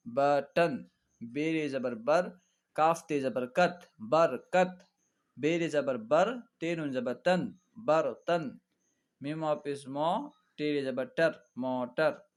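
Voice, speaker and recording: A man teaching an Urdu reading lesson, spelling out each syllable patiently and repeating words slowly for learners. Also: on the high side.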